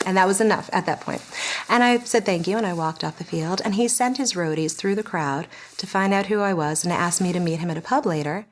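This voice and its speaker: A woman's voice: on the low side, brisk. A woman from New York telling a story in an interview, bubbly and giggly.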